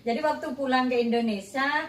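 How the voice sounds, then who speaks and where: A woman asking questions in a casual interview, with gentle interjections. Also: sits high, brisk. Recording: echoey room from far off, chatter behind.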